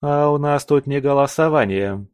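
A man's voice: medium pitch, a little slow, darkish tone, no room sound, clean studio sound, pitched above the performer's own voice, close to an everyday voice. A man voicing a stern young woman agent who gives curt, decisive orders in an audiobook. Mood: firm, commanding.

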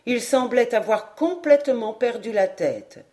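A woman narrating an audiobook in a measured, expressive reading. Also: fairly high pitch. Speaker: audiobook reader.

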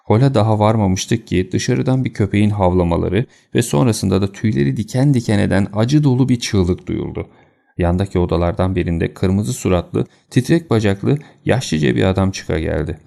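A man narrates an audiobook in a steady, even manner. His voice sits very low, with a dark, mellow tone. A gravelly creak runs through it. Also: moderate pace. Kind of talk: scripted narration.

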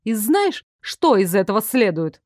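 A woman reading an audiobook voices a sharp-tongued, disapproving older female archivist who talks bluntly and scornfully. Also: mid-range voice, normal speed, no echo, studio quality, natural voice. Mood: indignant.

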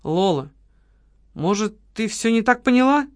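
A woman voicing a nervous, grumbling man in an audiobook, quick to lose his temper. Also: medium pitch, lively intonation, darkish tone, no echo, clean studio sound, natural voice. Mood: doubtful. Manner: grumbling, easily exasperated. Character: nervous, grumbling male con-man partner.

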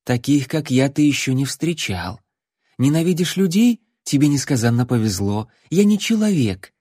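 A man voicing a calm female vampire princess who speaks softly and slowly, savoring her menace. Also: medium pitch, no echo, studio quality, voice pushed up. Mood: mysterious. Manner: slow, soft and mysterious.

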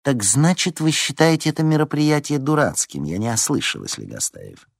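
A man's voice: mid-range voice, sing-song, normal speed, gravelly, no echo, studio quality, voice pushed up. A man voicing a stern, imperious woman deputy head teacher who speaks with menacing sarcasm, in a storybook reading. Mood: menacing sarcastic.

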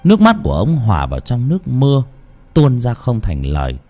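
A man narrating a ghost story in a dramatic, hushed storytelling manner. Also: mid-range voice, wildly swooping pitch, a little fast, faint music behind.

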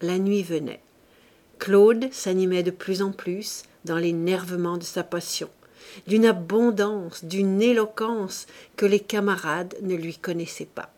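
A woman narrating a classic novel as an audiobook reader, in a measured, expressive reading. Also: on the low side. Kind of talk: scripted narration.

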